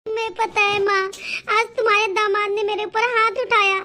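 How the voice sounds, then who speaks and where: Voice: extremely high pitch, little pitch movement, normal speed. A voice actor playing a tearful young married woman who complains and whines in a comedy cartoon. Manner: complaining, whining.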